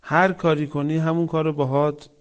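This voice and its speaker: A man preaching a sermon with stories, swinging between loud emphatic lines and soft hushed ones, reciting Quranic verses. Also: on the high side, level tone, smooth, dull audio. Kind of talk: religious sermon with storytelling.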